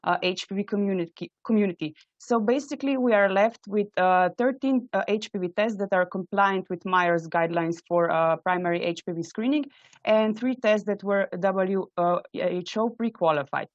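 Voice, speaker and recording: A woman presents to an online audience, earnest and full of halting "uh" fillers. Her voice sits at a middle pitch. The sound is dull and dry, like a computer mic on a video call. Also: no room sound. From Slovenia. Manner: earnest, many hesitant "uh" fillers. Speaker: invited speaker, microbiology trainee. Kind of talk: webinar presentation. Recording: dull, dry webinar audio.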